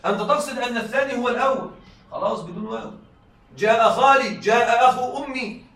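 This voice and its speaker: Teaching a rhetoric class, a man with a very high, fast, somewhat bright voice often pauses to make sure students follow and repeats his examples. The room echoes, the mic is far away, and there's faint noise.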